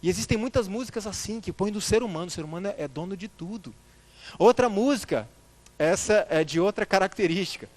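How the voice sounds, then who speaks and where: A man's voice: high-pitched, fairly quick, a little mellow. A man giving a church lecture, putting rhetorical questions to the congregation and calling them brothers. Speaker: church speaker.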